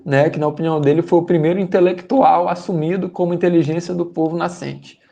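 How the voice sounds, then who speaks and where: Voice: mid-range voice, steady tone, quick pace, creaky, warm tone. A speaker with a Brazilian accent summarizing a book for a study group, hesitant, with many fillers and repeated words.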